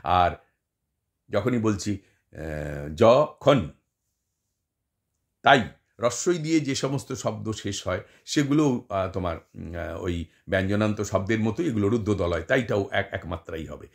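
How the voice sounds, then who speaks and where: A man's voice: fairly low pitch, expressive, a little slow, vocal fry, long pauses. A man giving a lecture, explaining step by step, repeating examples and asking his listeners rhetorical questions. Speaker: teacher. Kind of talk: lecture on Bengali poetic meter.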